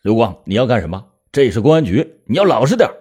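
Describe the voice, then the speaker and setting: A man's voice: mid-range voice, big pitch swings, fast talker, mellow, husky. A man voicing a stern male police detective who barks orders in a crime story. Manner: barking orders.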